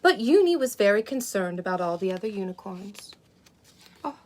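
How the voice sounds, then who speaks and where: Reading a picture book aloud for children, this woman voices a sweet, wide-eyed unicorn story-time host, full of cooing wonder and heavy emphasis. She speaks at a normal speed with a medium pitch, a darkish tone and very animated delivery.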